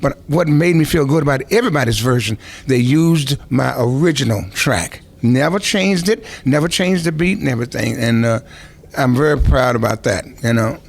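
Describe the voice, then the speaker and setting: A man's voice: medium pitch, normal speed, creaky. An older man, a veteran musician, tells long rambling stories in an interview, with many restarts and asides. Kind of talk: anecdotal interview storytelling.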